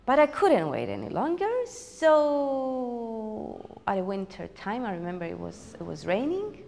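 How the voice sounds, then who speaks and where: A woman's voice: a little high, very animated, measured pace, creaky, a little mellow, a little hiss or hum. A woman telling a personal story in a documentary interview, reflective and hesitant, often restarting her sentences. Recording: long hall reverb.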